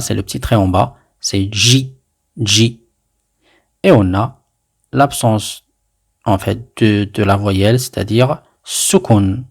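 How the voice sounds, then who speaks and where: A man with a low, gravelly voice teaches an Arabic letter lesson. He speaks very slowly and patiently, repeating each sound so learners can follow. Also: a little mellow.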